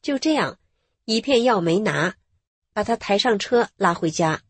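A woman calmly narrating her own story in a measured, scripted radio reading. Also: mid-range voice, husky, dry recording.

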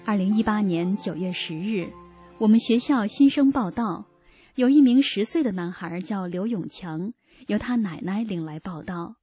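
A woman reading her own first-person story aloud in an earnest, measured way. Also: mid-range voice, animated, warm tone, soft background music. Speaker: narrator of a personal testimony. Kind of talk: read first-person narration.

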